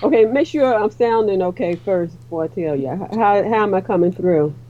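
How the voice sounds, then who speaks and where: A woman's voice: mid-range voice, brisk. A woman calling into a show over an internet call, her voice muffled as if heard through a wall, chatty and fussing over how she sounds. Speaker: caller. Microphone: voice call with a sound shield around the mic.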